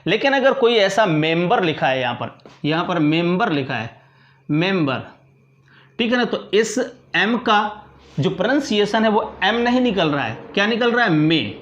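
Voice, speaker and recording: An Indian man teaching English grammar in a classroom lecture, explaining patiently, repeating words and often checking with "clear?". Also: sits high, very animated, moderate pace, a bit bright, muffled recording.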